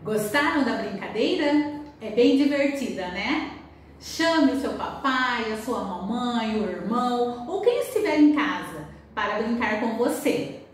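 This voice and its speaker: Brazilian teacher lady reading out a kids lesson real slow, voice goes up and down a lot, roomy sound from away from the mic. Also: on the high side, lively intonation, a little hiss or hum. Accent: Brazilian Portuguese. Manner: slow, clearly spelled-out instructions. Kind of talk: recorded classroom lesson for children. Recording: roomy distant home recording.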